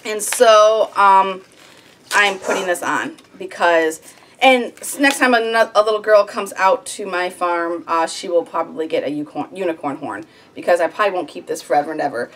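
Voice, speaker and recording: A woman's voice: lowish voice, normal speed, a bit bright, slight background noise. A woman in her thirties chatting casually to camera in a small sitting room, rambling a little with lots of ums. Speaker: homestead vlogger.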